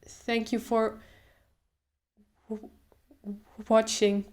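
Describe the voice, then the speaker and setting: A young woman video creator with a voice on the high side speaks casually to camera. Openly stuttering at first, with repeated sounds and pauses, she then shifts into a slow, relaxed manner.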